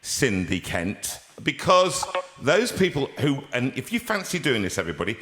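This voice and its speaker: An older British man hosting a casual, chatty interview in a lively, jokey, rambling way. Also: mid-range voice, normal speed, soft background music. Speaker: show host.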